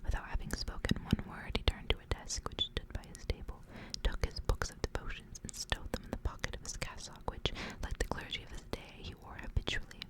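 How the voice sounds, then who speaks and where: In poor-quality audio, an ASMR creator reads for her listeners in a completely unvoiced whisper, keeping everything very quiet. She moves fairly quickly and leaves few pauses.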